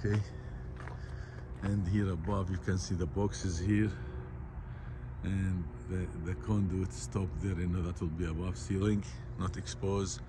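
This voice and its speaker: A man walking a construction site and explaining the work in plain, halting, repetitive phrases, recorded on a handheld phone outdoors. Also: deep voice, level tone, noisy background. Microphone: phone camera held by the speaker.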